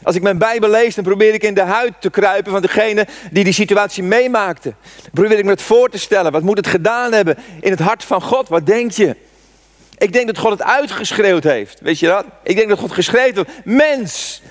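A man's voice: sits high, brisk. A man in his sixties preaching a sermon, telling a personal story with fervent rhetorical questions. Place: church. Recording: long church reverb.

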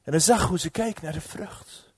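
A man preaching a sermon that retells a story dramatically, swinging between hushed and loud delivery. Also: fairly high pitch, normal speed.

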